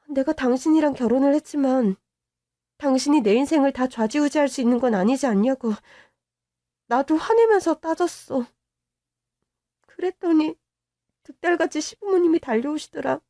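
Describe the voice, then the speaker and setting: A hurt, subdued young wife, played by a woman in a radio-drama story, confiding to her mother in a quiet, resigned telling. Her voice sits high, and the recording is dry and close. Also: moderate pace, pauses often, dry recording, natural voice. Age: young adult.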